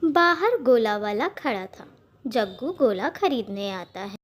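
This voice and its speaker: A woman narrating a children's cartoon story in a plain, measured way. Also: a little high, expressive.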